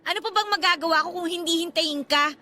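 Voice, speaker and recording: In a Tagalog radio romance drama, a woman voices a guarded, irritable young woman, speaking fast in a very high, sharp voice. Her delivery is emotionally emphatic, irritated and nagging.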